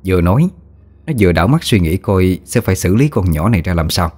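A man narrating an audio ghost story in a vivid, steady storytelling manner. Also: low voice, quick pace, slightly rough. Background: faint music.

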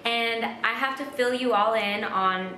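A woman's voice: a little high, measured pace, pushed and bright, slight background noise. Chatty young woman vlogger, echoey room. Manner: chatty, upbeat, uses "like" often. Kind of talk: casual home vlog storytelling. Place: small room at home, indoors.

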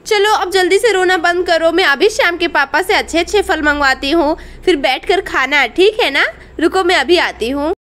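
A woman voices a kind village mother in a doll storybook tale. She speaks gently and patiently, and her voice is very high. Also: moderate pace, few pauses. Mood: caring. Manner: gentle, soothing, advising.

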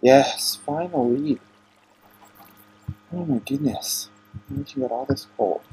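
A young gaming channel host talks to himself while playing a video game at home, tossing out casual commentary and getting annoyed easily. His mid-range voice is dark and a bit rough, and he takes his time. It's a lo-fi home recording with faint music in the background.

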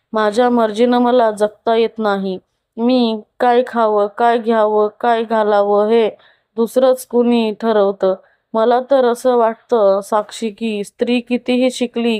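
A woman voicing a wealthy, lonely, unhappy middle-aged wife who confides slowly and from the heart in a storybook tale. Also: fairly high pitch, dark tone, clear, resonant tone, dry recording, studio quality, lightly acted.

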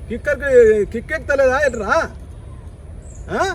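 A man's voice: very high voice, steady tone, moderate pace, pushed and bright, a little hiss or hum. An actor with a Telangana Telugu accent playing a village friend who soothes a crying man and keeps questioning him in a comedy sketch. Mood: consoling.

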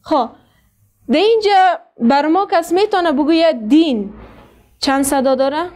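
A woman with a high, light voice and an Afghan Dari accent leads a literacy class. She sounds out words slowly, letter by letter, and gives students frequent praise. She speaks with patience in a classroom. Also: lively intonation, a little mellow. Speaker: literacy teacher. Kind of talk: classroom reading lesson.

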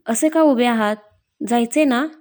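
A woman voicing a shy but quick-tempered young wife in a read-aloud story. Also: on the high side, natural voice. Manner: pouty, sharp.

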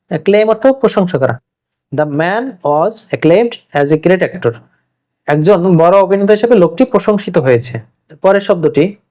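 Man teaching English words, slightly high voice. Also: a little mellow. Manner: explains slowly, repeats word meanings, reads English example sentences carefully. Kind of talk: informal vocabulary lesson.

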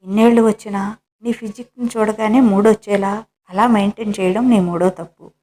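A woman's voice: mid-range voice, fairly even intonation, fairly quick, dark tone, close to an everyday voice. A woman voicing a teasing middle-aged husband. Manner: coaxing, mock-wounded teasing.

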